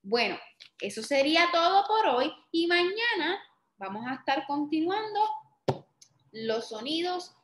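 A woman's voice: high voice, very animated, measured pace, fairly bright tone, reverberant. A woman teaching a kindergarten phonics lesson, patiently stretching out and repeating words and answering her own questions. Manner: asks the children questions and answers them herself. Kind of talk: slow phonics lesson for young children.

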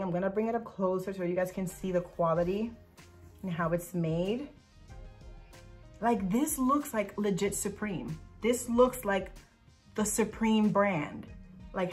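A young woman talks through a casual vlog, chatty and gushing as she shows things to the camera. Her voice sits at an ordinary middle pitch for a woman. Light music plays faintly underneath. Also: lively intonation, a little slow. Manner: chatty and gushing, breaks into a high cooing dog-mom voice. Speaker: vlogger showing dog clothes. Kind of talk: casual product review vlog.

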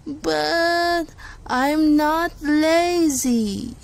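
A woman voicing a calm, unbothered rainforest sloth from a storybook, with a drawn-out, languid, dreamy delivery. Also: high voice, creaky, voice pushed up, exaggerated voice. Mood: placid.

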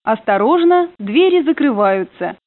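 A woman's voice: a little high, very animated, measured pace, no echo. A woman reading prerecorded train announcements, heard over the train's intercom, polite and formal. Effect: played over a train intercom. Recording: narrow phone-like dry sound.

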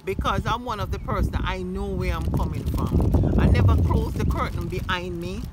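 A woman's voice: mid-range voice, moderate pace. A woman with a Jamaican accent answering interview questions outdoors in an earnest, proud way. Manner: earnest and proud, lists things plainly. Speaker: guest and local donor. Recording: loud outdoor noise.

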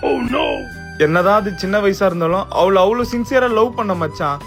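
A man's voice: high-pitched, animated, moderate pace, fairly bright tone, soft background music. A man acting a nostalgic friend in a comedy sketch, chatting with banter. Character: nostalgic young man just out of a coma.

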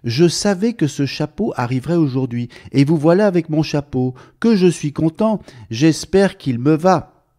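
A man puts on a fussy, talkative gentleman in a bright, raised voice that rambles on and on. The chatter tumbles out in a breathless stream, with the pitch leaping all over the place. It sounds like a storybook character being read aloud. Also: expressive, normal speed, lightly acted. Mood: delighted.

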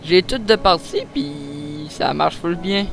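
A man's voice: high voice, expressive, slow, gravelly. A young man with a Quebec French accent, chatting casually and crudely with a friend as he plays a game. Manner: crude, slangy. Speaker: gamer recording a horror game playthrough. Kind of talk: casual gaming banter with a friend. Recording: game music behind the voice.

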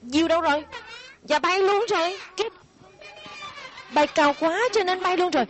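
A woman's voice: very high voice, moderate pace, a little hiss or hum. A woman voicing cheeky cartoon schoolkids. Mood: excited. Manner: excited, cheeky chatter. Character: mischievous young schoolchildren, noisy and cheeky. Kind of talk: cartoon dub.

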